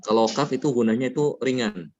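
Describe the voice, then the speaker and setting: A man teaching Quran recitation rules, explaining each rule and then reciting the examples slowly and melodically. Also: medium pitch, mellow, lo-fi sound, a little hiss or hum. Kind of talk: tajwid lesson.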